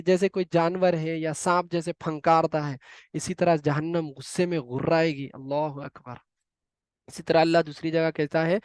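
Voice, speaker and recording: A man teaching a Quran lesson over a video call, earnest and vivid, dropping to a hushed murmur for pious phrases. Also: high-pitched, no echo, studio quality.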